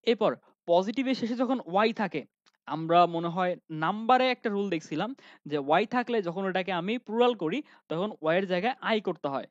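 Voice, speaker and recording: A man's voice: high-pitched, animated, moderate pace, no room sound, lo-fi sound. A man teaching an online grammar lesson, often asking questions and answering them himself, with many fillers.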